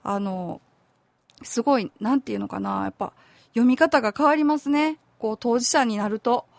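A woman's voice: fairly high pitch, normal speed, vocal fry, darkish tone, dry recording. A woman lawyer with a Kansai accent hosting a community radio talk show in a chatty, informal way, thinking aloud as she speaks. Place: radio studio.

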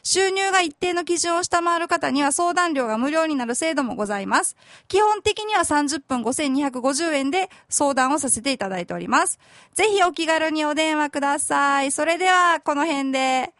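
A woman's voice: high voice, animated, normal speed, a bit bright, dry recording, studio quality. A woman lawyer with a Kansai accent hosting a community radio talk show in a chatty, informal way, thinking aloud as she speaks. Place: radio studio.

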